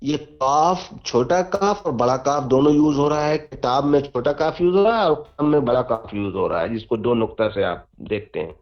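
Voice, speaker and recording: A man's voice: mid-range voice, moderate pace, few pauses. A man teaching Arabic grammar, patiently repeating examples and checking that students follow. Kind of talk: classroom explanation. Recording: dull lo-fi audio.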